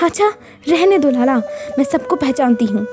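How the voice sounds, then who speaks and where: A woman voicing a fierce, proud village wife who scolds in a shrill, tearful voice. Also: animated, moderate pace, music in the background. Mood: angry scolding.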